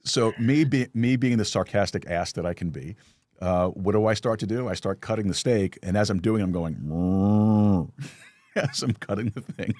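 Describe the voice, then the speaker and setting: Low-voiced man hosting a casual chat. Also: normal speed, a little mellow, no echo. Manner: storytelling with lots of restarts and chuckles. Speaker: podcast host.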